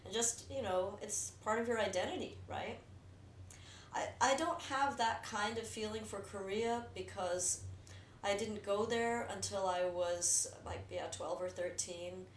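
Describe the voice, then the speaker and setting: A filmmaker from New Jersey in the United States talks candidly and reflectively about herself in casual conversation. She has a mid-range voice and a measured pace. The recording has roomy echo, a distant mic, and faint noise.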